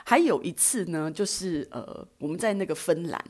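A woman, hosting a podcast and telling a self-mocking story in a casual, animated way, with frequent "you know?" asides. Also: lowish voice, normal speed. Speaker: podcast host.

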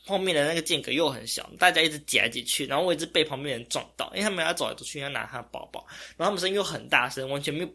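A young man with a Taiwanese Mandarin accent, telling a story as a vlogger in a casual, animated way, often exclaiming and laughing. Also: on the high side, very fast, creaky, few pauses, husky. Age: young adult.

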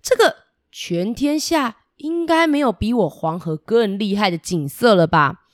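A woman voicing a boastful male river god, who speaks in loud exclamations and stammers when he is astonished. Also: medium pitch, lively intonation, unhurried, no room sound, studio quality, close to an everyday voice. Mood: proud, amazed.

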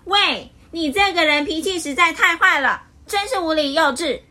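A woman's voice: fairly low pitch, expressive, normal speed. A woman voicing a cheerful, friendly storybook man who is kind but easily wronged. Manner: friendly, pleading, then scolding.

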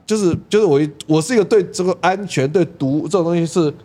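A man with a Taiwanese Mandarin accent chats fast in a casual podcast, his voice sitting a little high. He tells a story animatedly, jumping up into high exclaims. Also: warm tone. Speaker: podcast host.

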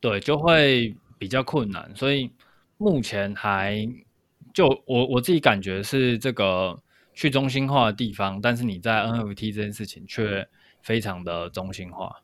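A man's voice: fairly low pitch, normal speed, fairly bright tone, dry recording. A man co-hosting a podcast, explaining things step by step in casual discussion. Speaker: podcast co-host.

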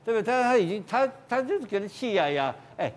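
Blunt, joking Taiwanese pundit. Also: male voice, high voice, big pitch swings, quick pace. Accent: Taiwanese Mandarin. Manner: blunt and joking, with lots of repeated words. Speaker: political commentator. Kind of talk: TV political talk show panel.

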